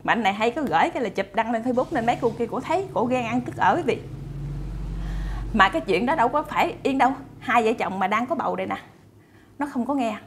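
A woman's voice: a little high, lively intonation, quick pace, a little hiss or hum. A woman retelling a story to her viewers in a chatty, casual way, full of fillers and repeated words. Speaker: storyteller host.

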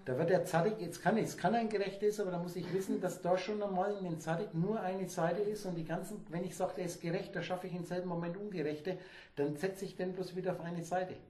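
A man's voice: high voice, fairly even intonation, fast talker, mellow. A man giving a spontaneous, rambling lecture to a small audience, emphatic and digressive. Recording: echoey room.

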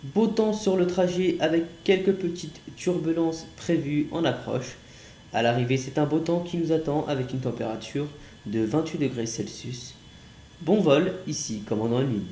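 Airline captain in the cockpit, put on by a male gamer: mock-formal, halting announcements, roomy sound, faint ambience behind. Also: fairly high pitch, mellow, slight background noise, close to an everyday voice. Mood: announcing. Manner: mock-formal announcer delivery with hesitant fillers. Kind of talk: playful role-play during a flight-simulator gameplay video.

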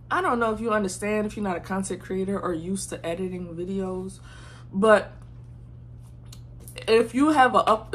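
A woman in her twenties talking casually to her phone camera in her bedroom. She is candid and slangy, and swings between hushed and loud. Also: mid-range voice, slight background noise. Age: 20s. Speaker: vlogger. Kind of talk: casual vlog chat to camera. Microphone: phone mic.

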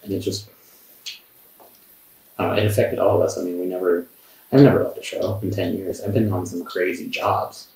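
Man, very low voice, police interview, defensive rambling, echoey room, set back from the mic. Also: little pitch movement, brisk, gravelly, pauses often, a little mellow. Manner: rambling, many restarts, defensive. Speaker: camera assistant being interviewed. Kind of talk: police interview, recounting events. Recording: roomy, from far off the mic.

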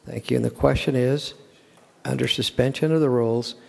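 American guy running a senate session, kinda informal, fry in his voice, echoey hall. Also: medium pitch, steady tone, normal speed, a little mellow. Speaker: senate president chairing the session. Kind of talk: informal parliamentary chairing. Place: large indoor legislative chamber. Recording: reverberant large chamber.

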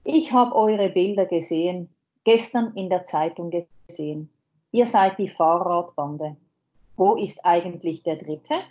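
A woman reading a blunt middle-aged male doctor's lines aloud, slowly, from a novel. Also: lowish voice, dark tone, dull audio, natural voice.

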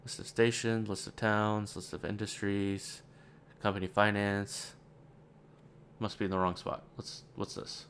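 A man with a fairly low voice gives relaxed let's-play commentary while he works through a game. He thinks aloud in a loose, rambling way and drops in dry, sarcastic asides. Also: a little slow, slight background noise.

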